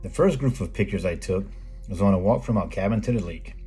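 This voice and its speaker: Over background music, the middle-aged American host of a photography video delivers a scripted voice-over, explaining things plainly and at a measured pace. He sits low in pitch, sounding expressive, warm and husky.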